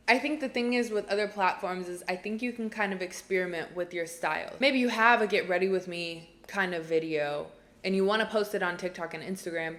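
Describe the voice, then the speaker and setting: A young woman in her twenties, talking to camera alone in a small room, giving earnest, chatty advice and repeating phrases for emphasis. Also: mid-range voice. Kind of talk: casual advice vlog to camera.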